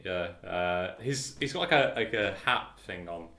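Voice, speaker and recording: A man's voice: deep voice, expressive, normal speed, sharp tone, a little hiss or hum. A man co-hosting a podcast in casual chat, rambling, stumbling over words and laughing often. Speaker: podcast co-host. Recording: roomy echo.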